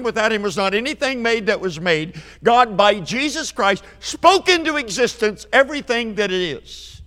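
A man in his seventies preaching a revival sermon, emphatic, repeating key phrases and building to loud climaxes. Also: high-pitched. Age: 70s. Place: church sanctuary. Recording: long hall reverb.

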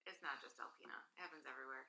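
A woman's voice: rumbling low, very fast, bright, forceful tone, low-quality recording. A woman in her late thirties, a guest in a casual interview, talking at length in a chatty, rambling way and laughing easily. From northern Michigan, USA. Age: 30s.

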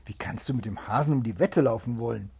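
A man's voice: fast talker, creaky, mellow, husky. A man voicing a worried, scolding hedgehog wife in a fairy tale reading. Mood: alarmed. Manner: alarmed and shrill.

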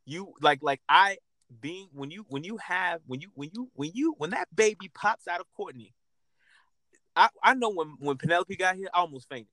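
Bright, rambling man in casual chat. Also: high-pitched, animated, normal speed, dry recording. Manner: rambling, many repeated fillers.

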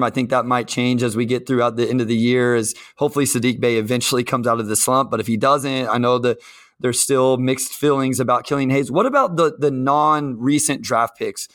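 A man's voice: mid-range voice, fairly bright tone. Man hosting a casual sports podcast. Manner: conversational, asks guest questions. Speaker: podcast host.

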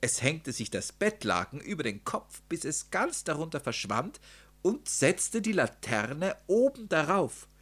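A man narrating a children's story in an expressive, dramatic way. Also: fairly high pitch, a little slow, breathy edge. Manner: expressive, dramatic rises and drops.

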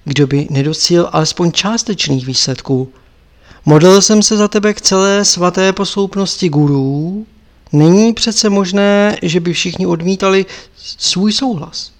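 A man reading an audiobook, voicing an old male lama abbot who admonishes his pupil in a measured, lecturing way. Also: sits high. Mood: instructive.

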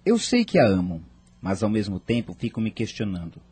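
A man's voice: fairly low pitch, huge pitch swings, brisk, darkish tone, husky, exaggerated voice. An actor in a radio drama playing a grieving father who talks in an earnest, reflective way. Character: grieving widowed father seeking faith.

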